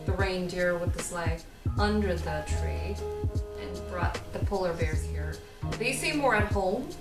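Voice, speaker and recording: A woman's voice: fairly low pitch, lively intonation, measured pace. A woman in her thirties casually narrating a home tour, chatty and self-mocking with frequent laughs. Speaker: craft vlogger. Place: living room, indoors. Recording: roomy, distant sound with music behind. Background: background music.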